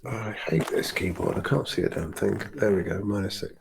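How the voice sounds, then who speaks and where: A man's voice: sits low, normal speed, vocal fry. A man playing a tabletop game, fumbling and grumbling good-naturedly about his rolls. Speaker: player. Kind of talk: casual game chat.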